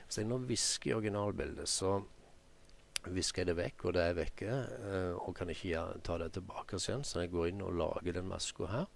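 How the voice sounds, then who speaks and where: A Norwegian man walks through a photo editing tutorial at an easy pace, pausing often with ums as he works. His voice sits low and has a gravelly edge. A faint hum runs under the recording. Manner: unhurried, thinking aloud with many ums. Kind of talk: screen-recorded software tutorial.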